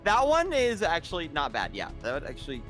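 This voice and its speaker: Guy streamer rambling and laughing mid-game, slightly high voice, game music behind. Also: wildly swooping pitch, fairly quick. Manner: rambling, laughing storyteller with frequent restarts. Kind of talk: casual chat while gaming.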